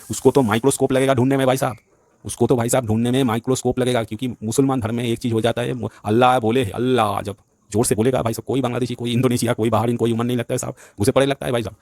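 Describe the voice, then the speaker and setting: A man's voice: mid-range voice, fairly even intonation, fast talker, darkish tone, no echo. A man from West Bengal, speaking Hindi as an in a heated, repetitive political monologue. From West Bengal, India. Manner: agitated, repetitive, keeps saying "bhai sahab". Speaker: vlogger.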